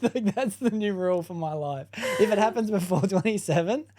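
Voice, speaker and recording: A man's voice: high voice, brisk, darkish tone. Playful young man hosting a podcast. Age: 20s. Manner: playful, teasing, laughs often. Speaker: podcast host. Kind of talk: casual interview chat.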